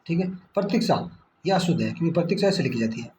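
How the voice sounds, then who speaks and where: A male Hindi tutor races through a screen-recorded exam lesson, quizzing repetitively and frequently saying "ठीक है". His slightly high voice is animated with a darkish tone. A phone mic used by the screen recorder picks him up in an echoey room with faint background hiss.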